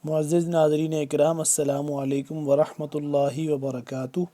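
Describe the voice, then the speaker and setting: A man teaching tajweed. He recites verses slowly and loudly, then explains each rule in a quicker, quieter voice. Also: fairly high pitch, little pitch movement. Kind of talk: slow, word-by-word recitation lesson.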